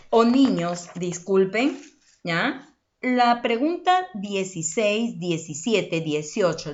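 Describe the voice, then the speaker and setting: A woman teacher talks slowly and patiently through a lesson for children, stopping often to ask if they follow. Her pitch rises and falls a lot. The recording sounds dull and lo-fi. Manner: patient, asks rhetorical check questions. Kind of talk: online class for children.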